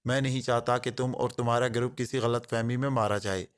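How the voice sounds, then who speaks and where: A man's voice: medium pitch, fairly even intonation, lightly acted. A man reading as a cold, clever secret agent. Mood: cold, stern. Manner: switches from joking patter to cold, hard tone. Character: cold clever male secret agent, mocking then stern.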